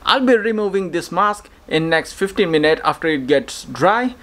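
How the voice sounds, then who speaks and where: Holding his phone out at arm's length, a Nepali man in his thirties vlogs casually and cheerfully to his audience. He has a high, slightly bright voice with lively intonation and normal speed. Scenes shift from dawn streets, a stairwell and a gym to a bedroom, and the phone audio carries clear background noise.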